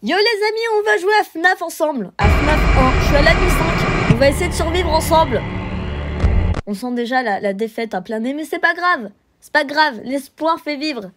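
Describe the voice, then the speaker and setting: A young woman talks over her gameplay in a strikingly high voice, casual and playful. She jokes and chats to the game's characters like old friends, stuffy from a cold. Music plays clearly behind her. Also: lively intonation, moderate pace. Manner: joking, chatty, teasing the game characters. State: has a cold. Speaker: gaming video host. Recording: music playing in the background.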